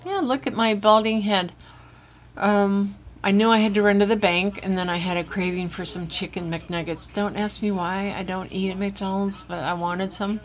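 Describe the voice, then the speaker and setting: A woman's voice: mid-range voice, fairly even intonation, moderate pace. A woman telling a personal story to her own camera in a frank, rambling, venting way. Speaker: vlogger. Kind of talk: candid personal vlog. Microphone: camera she adjusts herself.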